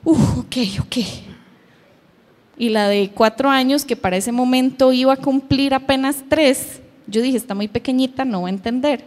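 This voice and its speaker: A woman's voice: high voice, normal speed, darkish tone. A woman, giving a heartfelt personal testimony at a church youth meeting and acting out her daughters' words. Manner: emotional storytelling, acting out her daughters' voices. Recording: long hall reverb.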